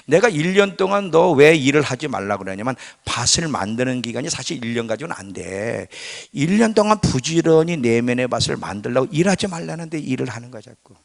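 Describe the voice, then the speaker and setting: A man's voice: medium pitch, big pitch swings, fairly quick, vocal fry, few pauses. A male pastor preaching a sermon in a conversational way, often putting questions to his congregation. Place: church sanctuary. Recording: church hall with long reverb.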